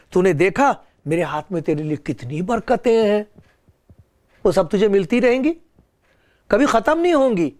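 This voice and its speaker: A man's voice: sits high, darkish tone. A man preaching a sermon on a religious program, earnest and pleading, with rising and falling emphasis.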